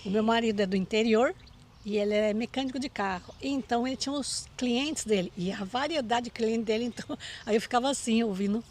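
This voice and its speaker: A woman from Brazil with a Brazilian Portuguese accent, a guest in a casual chat, direct and quick to laugh. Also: on the high side, darkish tone, slight background noise.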